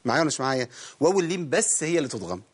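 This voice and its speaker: A slightly rough, somewhat high-pitched man with an Egyptian Arabic accent teaches Quran recitation on a TV studio set. Very animated, he tests viewers rapidly and then stretches the words out slowly.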